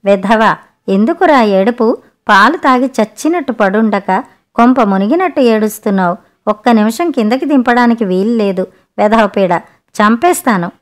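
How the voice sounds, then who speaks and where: A woman's voice: fairly high pitch, lively intonation, moderate pace, lightly acted. A woman voicing an irritable, short-tempered young sister-in-law in a read-aloud story, snapping impatiently. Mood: angry.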